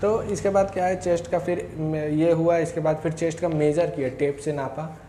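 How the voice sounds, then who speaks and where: A young Indian vlogger recounts his own story casually in the first person, rambling, correcting himself, and quoting others in short bursts. His voice is a little high, dark, and steady at normal speed, recorded in an echoey room with a little hiss or hum.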